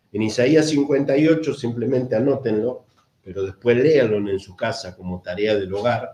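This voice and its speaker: A man with a Rioplatense Spanish accent delivers a teaching sermon in a mellow, warm tone. He repeats his phrases and keeps asking the congregation whether they follow. His voice rings in an echoey room. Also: mid-range voice. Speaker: preacher.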